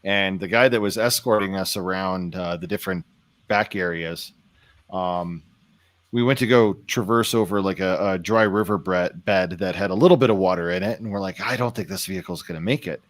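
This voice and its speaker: A man co-hosting a casual car podcast, telling stories with animated quoted voices. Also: deep voice, moderate pace, dry recording. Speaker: podcast co-host.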